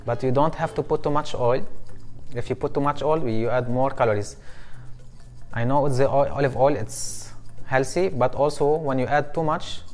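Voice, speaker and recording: A chef in his thirties giving a cooking demonstration in a studio kitchen, explaining each step in simple, halting English. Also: medium pitch, darkish tone, soft background music. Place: studio kitchen set, indoors.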